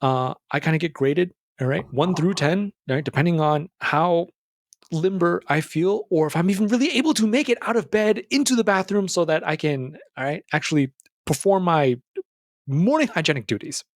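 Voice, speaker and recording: An excitable male podcast host who rambles and wanders off on tangents while talking straight to his listener. His voice sits a little high for a man. The sound is dry and close. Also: moderate pace, no echo. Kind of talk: casual podcast monologue.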